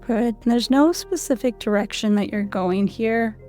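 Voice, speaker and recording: A woman with a fairly high voice leads a guided audio lesson, speaking in calm, soothing, unhurried instructions. Soft music plays faintly behind her. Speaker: canine rehab instructor.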